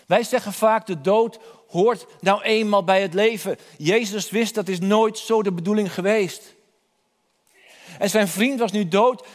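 A man preaching a sermon, retelling a Bible story and urging listeners to come forward, often repeating words as he goes. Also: high voice. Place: church hall. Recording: long reverb in a hall.

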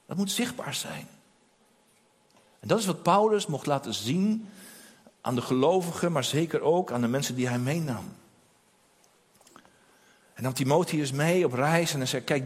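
A man's voice: mid-range voice, moderate pace, pauses often, slightly rough. A man preaching a sermon in an earnest, emphatic way, repeating key phrases. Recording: long hall reverb.

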